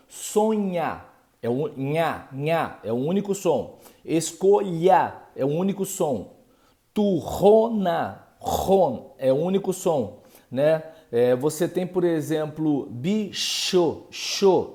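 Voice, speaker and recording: A man teaching a grammar lesson, speaking haltingly with many fillers and checks, and sounding out syllables and letters. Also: fairly high pitch, warm tone. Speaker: Portuguese language teacher.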